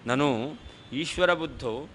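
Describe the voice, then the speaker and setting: A man's voice: mid-range voice, slow, a bit bright, a little hiss or hum. A man teaching a scripture text in a traditional lecture, reading Sanskrit lines and explaining them, asking and answering his own questions. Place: lecture hall.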